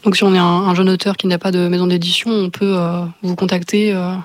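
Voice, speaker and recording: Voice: medium pitch, level tone, brisk, no echo. An interviewer asking brief questions.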